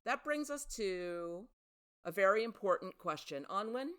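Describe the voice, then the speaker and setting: A woman's voice: medium pitch, animated, unhurried, clean tone. A woman hosting a podcast, chatting casually and sharing trivia with a self-deprecating manner. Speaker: podcast host.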